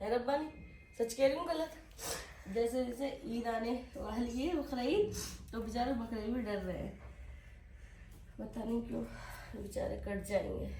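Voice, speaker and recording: A woman's voice: on the high side, a little slow, long pauses, dark tone, a little hiss or hum. Chatty woman with a cold, home vlog. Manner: chatty, talks to her kids and viewers. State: has a cold. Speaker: vlogger and mother. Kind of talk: casual home vlog chat. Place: home indoors.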